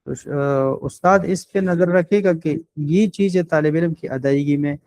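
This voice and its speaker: Leading an online Quran recitation class, this man has a darkish voice on the higher side. He's patient in his explanations, stretches out sounds to fill pauses, and models short vowels with slow, deliberate care.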